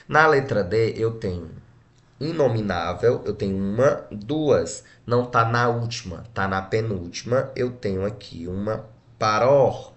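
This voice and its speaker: An animated, unhurried Brazilian man with a fairly low pitch teaches grammar for an exam. With his Brazilian Portuguese accent, he divides words into their syllables and checks in using quick tag questions.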